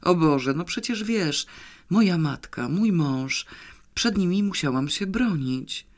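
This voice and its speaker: A man's voice: on the high side, lively intonation, slow, pitched above the performer's own voice. A man voicing a distraught, betrayed woman in an audiobook, speaking emotionally with a raised voice. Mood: despairing.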